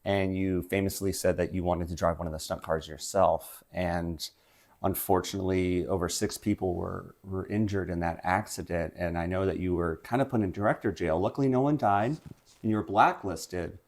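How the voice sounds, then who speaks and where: Pompous low-voiced male host. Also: fairly even intonation, normal speed, a little mellow. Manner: pompous, solemn delivery. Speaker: mock podcast host. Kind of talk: deadpan mock-serious interview.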